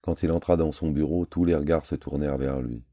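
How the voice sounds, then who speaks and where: A man narrates a novel in a measured, terse way. His voice is extremely low and dark, and the recording is dry and close with no room sound. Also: fairly even intonation, no room sound. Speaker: audiobook reader.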